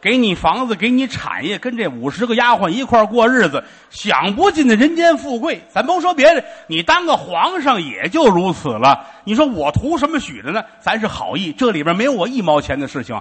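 Male comic in a crosstalk duo: lively pitch, spins tall tales with gusto. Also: brisk, few pauses, breathy edge. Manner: animated, exaggerated storytelling. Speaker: crosstalk comedian. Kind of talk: live comedic crosstalk.

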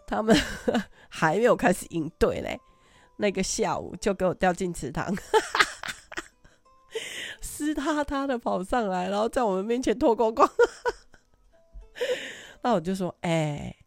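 Older woman, swooping expressive pitch, dry close sound, faint music behind, laughing storyteller. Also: a little slow, creaky, dry recording. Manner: laughs often, animated anecdotal telling. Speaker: podcast host. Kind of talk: casual storytelling.

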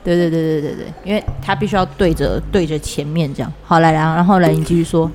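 A woman's voice: deep voice, steady tone, fast talker, darkish tone, soft background music. A woman with a Taiwanese accent hosting a casual interview, teasing and often interjecting. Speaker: podcast host.

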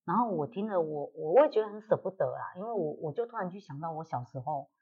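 A woman with a Taiwanese Mandarin accent tells a family story in a casual chat, acting out what each relative said. Her voice is low and husky. The recording sounds thin, as if it came over a phone line. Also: fast talker. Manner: animated retelling, acting out relatives' quoted lines. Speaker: podcast host. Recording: tinny phone-like audio.

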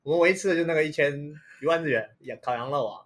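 A man in his thirties with a Taiwanese Mandarin accent, co-hosting a podcast with loud, teasing casual chat. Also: a little high, racing. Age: 30s. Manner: teasing, talks loudly. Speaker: podcast co-host.

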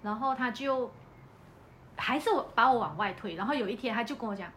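A woman's voice: a little high, brisk, a little hiss or hum. A woman with a Malaysian Mandarin accent, chatting casually on a podcast and telling a personal story, acting out the dialogue with energy. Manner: animated storyteller who acts out quoted dialogue. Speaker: podcast speaker.

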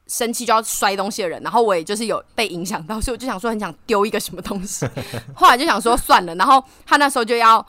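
Fast, bright-voiced woman chatting. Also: mid-range voice, no echo. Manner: animated, laughs often while telling a story. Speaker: podcast co-host. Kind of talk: casual chat, storytelling. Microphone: remote online call.

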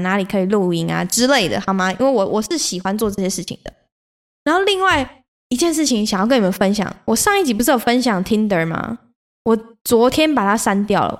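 A young woman hosting a podcast, telling stories in a casual, animated way, swearing freely and acting out her own outbursts. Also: fairly high pitch. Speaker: podcast host. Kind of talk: casual solo storytelling.

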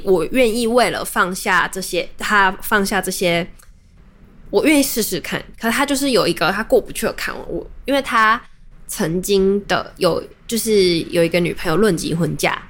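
A woman's voice: mid-range voice, a bit bright. A young adult woman, hosting a podcast and telling a personal story in a casual, rambling way with many restarts. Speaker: podcast host.

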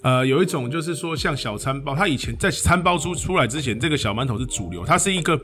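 A middle-aged man co-hosting a podcast, chatting casually and rambling, with lots of quick repeated agreement. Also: mid-range voice, expressive, fairly bright tone, faint music behind. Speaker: podcast co-host. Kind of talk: casual chat.

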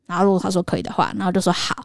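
A woman's voice: lowish voice, animated, very fast, gravelly, a little mellow, dry recording, studio quality. A woman, co-hosting a casual podcast and animatedly acting out the lines of children and teachers as she explains. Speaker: podcast co-host. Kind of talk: casual chat.

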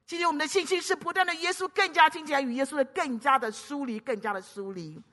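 A woman delivers a sermon in a bright, fairly high voice. She swings from loud, urgent appeals to soft, hushed storytelling, pressing her listeners with questions. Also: fast. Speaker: preacher.

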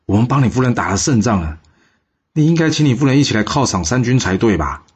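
A man's voice: medium pitch, big pitch swings, fast, slightly rough, dull audio. Man doing a proud scheming ancient king. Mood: demanding. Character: proud scheming male king of old Chu.

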